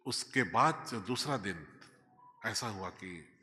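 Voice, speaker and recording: A man, a bishop telling a personal story in a sermon, moving between loud exclamations and quiet asides. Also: fairly low pitch, lively intonation, takes it slowly, long reverb tail. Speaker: bishop preaching. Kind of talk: sermon testimony. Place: church hall.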